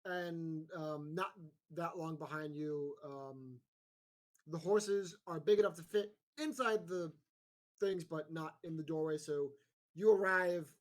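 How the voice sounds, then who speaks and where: Gm narrating a tabletop game, loose and rambly, mid pitch. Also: slow. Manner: casual, rambling, many fillers. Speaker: game master.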